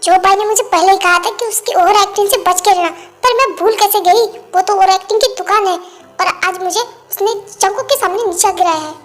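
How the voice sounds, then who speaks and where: A woman's voice: extremely high pitch, a little fast. Girl doing a proud snappy young woman, sarcastic and fed up, music faint behind. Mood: scheming. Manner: indignant, sarcastic. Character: proud, sharp-tongued young woman, quick to anger.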